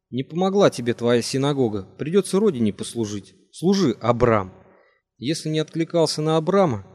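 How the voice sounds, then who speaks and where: A man voicing a bitter, drunk young man who rants and breaks into shouts, in an audiobook reading. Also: mid-range voice, close to an everyday voice. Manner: ranting, voice rising to shouts.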